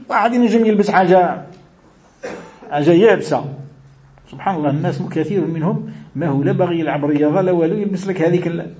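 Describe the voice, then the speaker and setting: A man's voice: sits high, darkish tone. A man giving a religious lesson, explaining hadith in classical with colloquial asides and questions to his listeners. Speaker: Islamic scholar teaching hadith.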